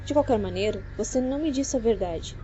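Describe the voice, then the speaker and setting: A woman's voice: fairly high pitch, lively intonation, brisk, mellow, natural voice. Woman reading as a jealous accusing young man. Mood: probing. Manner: accusing, insistent. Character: jealous young man confronting his fiancée. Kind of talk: audiobook character reading. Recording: dull lo-fi with faint music.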